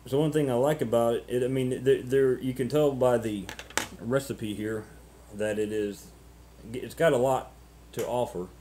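A man in his thirties chatting casually and unscripted to camera as a vlogger, halting and ruminative, often repeating words, on noisy webcam audio. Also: medium pitch, steady tone, dark tone. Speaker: pipe-smoking vlogger.

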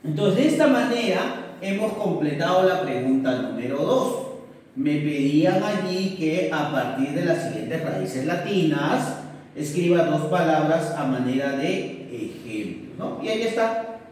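A young man teaches at a whiteboard indoors for distance learning, asking questions in a student's voice and answering them himself with tag questions. His voice is a little high and a bit mellow, unhurried, with big pitch swings, recorded by a camera across a very echoey room so he sounds distant.

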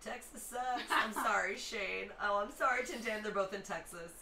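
A woman in her thirties with a slightly hoarse voice, hosting a casual livestream and chattily reacting to viewer comments. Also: medium pitch, normal speed, pushed and bright, distant mic. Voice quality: hoarse, rough-edged. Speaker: livestream music host. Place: small home music room, indoors. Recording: roomy, off-mic, faint background noise.

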